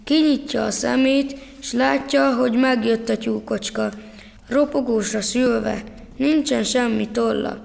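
A woman narrating a children's folk tale in a gentle, rhythmic storytelling manner. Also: a little high, steady tone, creaky. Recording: reverberant room.

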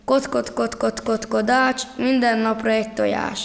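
A woman's voice: on the high side, little pitch movement, vocal fry. A woman voicing a small stubborn hen in a children's story, with a sing-song, pleading manner. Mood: contented. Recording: reverberant room.

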